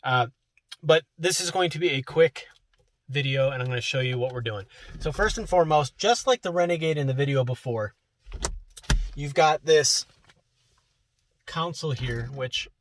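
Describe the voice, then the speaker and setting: A man's voice: medium pitch, moderate pace, pauses often. A young man hosting a casual how-to video, explaining step by step from inside a car while working with his hands. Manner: relaxed, chatty, talks while working with hands.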